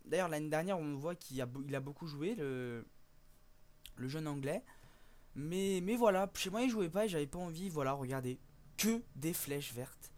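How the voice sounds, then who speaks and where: A young man giving casual, chatty let's play commentary over a football management game, hesitant with many fillers and sudden bursts of excitement. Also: on the high side, normal speed. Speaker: gaming YouTuber.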